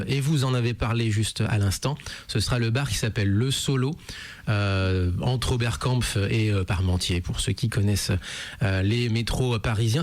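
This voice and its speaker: A man hosts a radio show, reading out dates with frequent pauses and fillers. His voice sits at a middle pitch. The studio sound is dry and close. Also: no echo. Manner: friendly, hesitant, many fillers. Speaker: radio host. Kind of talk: radio interview.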